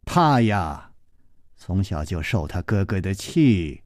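A man voicing a flirtatious, lustful middle-aged woman who speaks low and breathy, almost whispering. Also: sing-song, takes it slowly, darkish tone, no room sound, studio quality, heavily acted. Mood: scornful.

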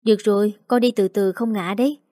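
A woman voicing a gentle young mother who speaks calmly and soothingly to her child, with soft music behind. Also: medium pitch, brisk, dry recording, studio quality, close to an everyday voice.

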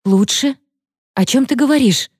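A woman's voice: fairly high pitch, moderate pace, darkish tone, breathy edge, no room sound, clean studio sound, voice pushed up. A woman voicing a teenage girl pleading with her best friend in a raised, urgent voice. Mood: alarmed.

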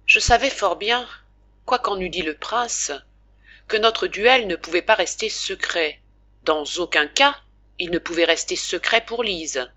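A woman narrating a classic novel as an audiobook, reading in a measured, expressive way. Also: fairly low pitch.

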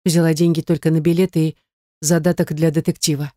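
An audiobook reader voicing a distressed young ex-wife who pleads in a raised, defensive voice. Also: female voice, deep voice, little pitch movement, brisk, dark tone, dry recording, studio quality, lightly acted. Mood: muttering. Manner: pleading, rising voice. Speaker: audiobook character. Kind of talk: audiobook reading.

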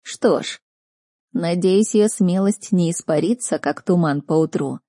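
A woman voicing an aloof young male noble student who muses quietly and mockingly in an audiobook reading. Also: fairly low pitch, unhurried, dry recording, studio quality. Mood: amused.

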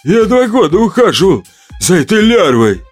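A man's voice: high voice, sing-song, measured pace, breathy edge, faint music behind, voice pushed up, full character voice. A man voicing a menacing male stalker who snarls threats, then whines and pleads. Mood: snarling. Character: menacing male stalker, later sobbing coward.

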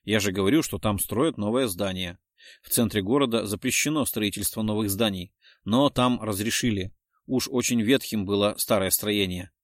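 A man's voice: fairly low pitch, normal speed, no echo, clean studio sound, close to an everyday voice. A man voicing a police officer explaining patiently, in an audiobook reading. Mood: puzzled.

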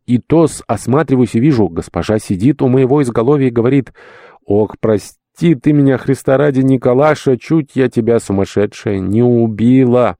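A man narrating an audiobook voices an older, humble and sentimental dwarf servant whose speech is fussy, obsequious and politely old-fashioned. His voice is mid-range and dark, pitched above his own natural voice, in a dry, studio-quality recording.

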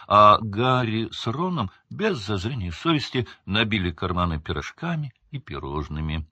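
A man reading a storybook aloud, expressive and animated. His voice is husky and swings freely in pitch. The recording is dry and a bit dull. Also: moderate pace, dry recording. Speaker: audiobook reader. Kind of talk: storybook narration.

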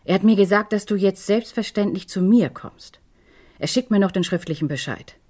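Here the same role, a possessive mother urging her unwilling daughter in a German radio crime play, is voiced in a mid-range, dark tone at normal speed. The acting is light, though her manner remains firm, insistent and controlled.

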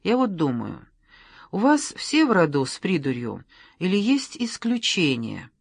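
A reader voicing Igor, a calm, blunt man who talks roughly on the phone. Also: high-pitched, a little slow, dry recording, studio quality, heavily acted. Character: blunt, confident rich man.

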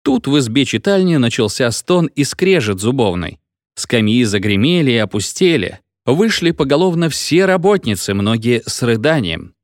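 Expressive male audiobook narrator. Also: mid-range voice, moderate pace, dry recording, clean studio sound. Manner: expressive, wry storytelling. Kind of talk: audiobook reading of a satirical story.

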